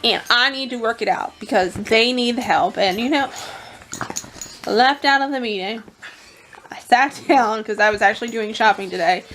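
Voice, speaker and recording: A woman's voice: a little high, moderate pace, a bit bright, a little hiss or hum. A young woman telling a vlog audience about a stressful day at work, emotional and rambling, close to tears. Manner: emotional, tearful, rambling with restarts. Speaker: vlogger. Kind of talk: casual confessional vlog.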